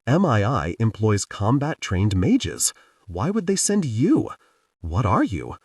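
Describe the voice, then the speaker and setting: A man voicing a powerful, manipulative male mage who talks in a calm, blunt way. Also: on the low side, takes it slowly, no echo, studio quality, far from the mic, full character voice. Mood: cool.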